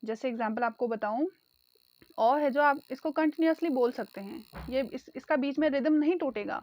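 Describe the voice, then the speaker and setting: A woman's voice: high-pitched, normal speed, darkish tone. A woman teaching an online exam-prep lesson, calling her viewers friends and repeating the key answers.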